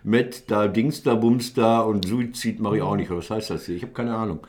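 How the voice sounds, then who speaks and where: A man co-hosting a podcast, telling a story in casual chat, acting out the other people in it with sudden high voices and laughing often. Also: normal speed, crowd noise. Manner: animated, acts out voices in his anecdote with big jumps up in pitch. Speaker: podcast co-host.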